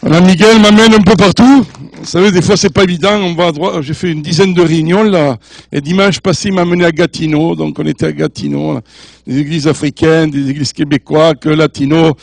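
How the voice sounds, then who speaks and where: Older man, high-pitched, a guest preacher joking with his church; dry, close recording. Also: fairly even intonation, brisk, gravelly, dry recording. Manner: jovial, joking with the congregation; mixes French, English and Spanish. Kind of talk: sermon.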